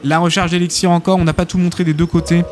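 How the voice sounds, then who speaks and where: A man casting a live esports tournament as host, excitable and chatty, full of filler interjections. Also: high voice, quick pace. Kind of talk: live game commentary. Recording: game music behind the voice. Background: game music.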